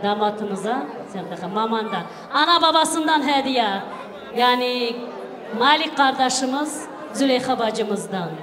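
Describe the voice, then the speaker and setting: Wedding mc lady, highish voice, festive n exclamatory, mixes languages, echoey hall w crowd. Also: animated, measured pace. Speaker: host of a wedding celebration. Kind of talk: live event announcing, calling guests up and urging applause. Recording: echoey reverberant hall, crowd noise behind.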